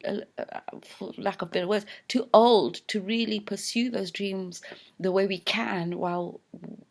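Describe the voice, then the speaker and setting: A woman's voice: medium pitch, fairly even intonation, measured pace, vocal fry, a little mellow. A woman in her fifties talking to camera in a casual vlog, reflective and hesitant, with many fillers and restarts. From London. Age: 50s. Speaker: channel owner. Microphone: close camera framed on mouth.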